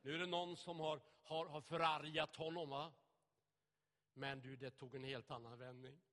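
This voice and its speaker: A man's voice: fairly high pitch, flat delivery, a bit bright, long reverb tail. A male preacher giving a sermon with vivid storytelling and anecdotes in a church.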